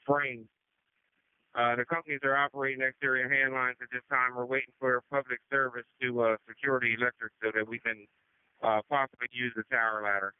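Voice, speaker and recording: A man acting as fire incident commander, reporting over a two-way radio in a halting way with many uh fillers. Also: medium pitch, smooth, no echo. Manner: halting, frequent uh fillers, matter-of-fact. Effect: two-way radio transmission. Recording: tinny dry radio channel.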